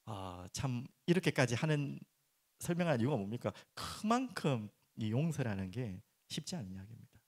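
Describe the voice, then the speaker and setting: A middle-aged man preaching a sermon as pastor, turning expressive when he acts out prayers and dropping soft and low for earnest points. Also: normal speed. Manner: animated, acts out prayers and complaints in raised voice.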